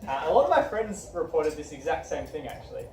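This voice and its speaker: Very animated and fast, a young male teacher with a slightly high, darkish voice drives a classroom discussion, firing questions and encouraging students. The sound is distant and echoey, with faint background noise.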